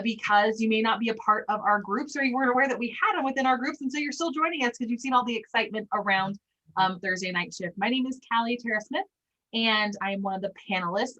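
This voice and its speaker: A woman's voice: on the high side, a bit bright, rough recording. A woman from Utah hosting a casual video-call training panel, chatty and rambling with lots of ums. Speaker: panel host.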